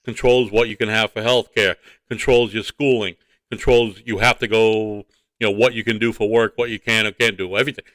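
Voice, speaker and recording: A man's voice: lowish voice, level tone, brisk, fairly bright tone, no echo. A man co-hosting a casual morning show, talking in blunt, rambling, repetitive banter. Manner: blunt, rambling, repeats himself.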